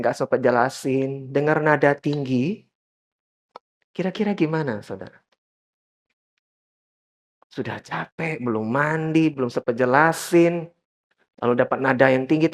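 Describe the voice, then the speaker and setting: Male pastor, lively sermon delivery with high emphatic peaks, mid-range voice. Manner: lively, rising to high emphatic peaks, addressing the congregation often.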